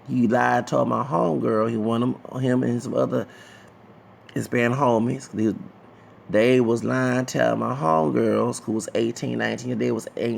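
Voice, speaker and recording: A man's voice: medium pitch, gravelly, a little mellow, a little hiss or hum. A man, talking to his viewers in a loose, digressive vlog commentary that often repeats itself. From Texas, USA. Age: 30s. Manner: digressive, repeats himself, talks to viewers directly. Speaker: vlogger. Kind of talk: casual rambling commentary.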